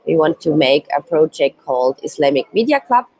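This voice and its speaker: This youth work trainer, a Swiss woman of Turkish heritage in her twenties, is ill as she gives a live online training session. English isn't her first language, so she speaks haltingly with many ums. Her husky, low voice is brisk and sing-song, slightly mellow.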